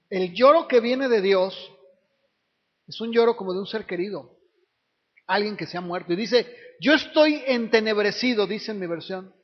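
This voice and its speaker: A man preaching in a church, with a voice pitched notably high for a man. His words ring out with a long hall reverb, and the recording sounds dull and lo-fi. He keeps asking his listeners rhetorical questions. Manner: preaches with frequent rhetorical tag questions, acting out voices of others. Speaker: pastor. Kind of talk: sermon.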